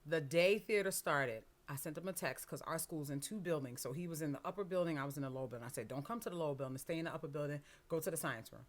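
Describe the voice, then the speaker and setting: A middle-aged woman with a low voice recounts a personal story as an interview guest. She acts out the lines of the people in it with plenty of expression. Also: fast, few pauses. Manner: animated, acts out quoted dialogue.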